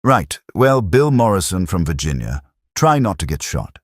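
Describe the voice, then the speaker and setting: A man reading as a cheeky young British private, breezy and teasing. The voice sits very deep but swings up and down a lot, with a husky edge and a dry, close sound. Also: very animated, normal speed, no room sound.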